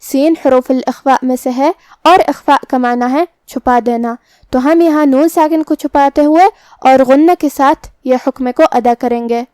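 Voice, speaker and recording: A woman teaching Quran recitation rules, explaining pronunciation slowly and carefully. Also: high voice, mellow, no echo. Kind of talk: tajweed lesson, explaining then reciting.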